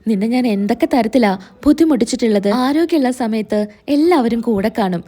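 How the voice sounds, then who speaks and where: Lady reading a sad bedridden mother-in-law, regretful, mellow voice. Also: on the high side, animated, brisk. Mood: remorseful. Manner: regretful, subdued.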